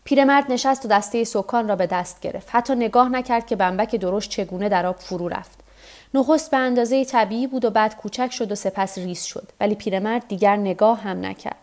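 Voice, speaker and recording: Calm woman reading a story aloud. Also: mid-range voice. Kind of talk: scripted narration of a translated novel.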